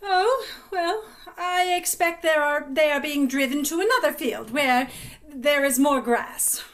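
A woman's voice: high-pitched, a little slow, fairly bright tone, pitched above the performer's own voice. A woman voicing a weak, ineffectual Edwardian aunt who stammers and hesitates with the children. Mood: flustered.

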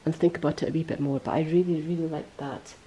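A woman hosting a podcast in casual chat, rambling and correcting herself as she goes, her voice a little hoarse. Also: sits low, steady tone, fast talker, warm tone, a little hiss or hum, poor audio. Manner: chatty, rambling, self-correcting. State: voice going hoarse. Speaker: podcast host.

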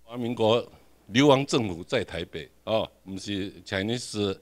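A man's voice: lowish voice, expressive, a little slow. A man with a Taiwanese accent giving a classroom lecture, questioning the audience and repeating his points.

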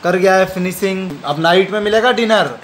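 A man's voice: sits high, normal speed, a little hiss or hum. A man vlogging at home on a handheld camera, coaxing and teasing his dog in a playful, chatty way. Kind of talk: casual pet vlog narration. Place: home, indoors.

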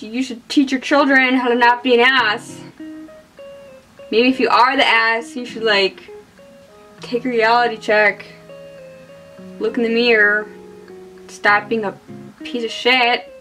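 A woman's voice: on the high side, a bit bright, low-quality recording. A woman in her twenties, hungover, rambling casually and putting herself down as she talks through a makeup vlog. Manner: hungover, rambling and self-deprecating. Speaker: beauty vlogger. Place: small indoor room.

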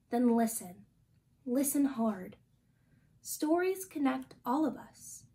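Reading a picture book aloud for children, a young woman speaks in a high voice at a very slow, deliberate pace. Her phrasing is gently expressive, and she's recorded indoors in a small room as a storytime reader.

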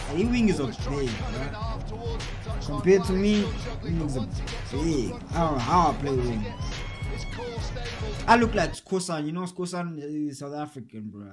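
A young man hosting a reaction video, reacting casually in excitable slang and calling out "hey, bro" again and again. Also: a little high. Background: clear music from the clip being watched.

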